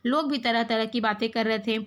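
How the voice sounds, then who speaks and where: A woman's voice: a little high, steady tone, brisk, fairly bright tone. A woman teacher reads a story aloud and retells it in simple words, often checking in with "है ना". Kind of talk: reading a story aloud and explaining it in class.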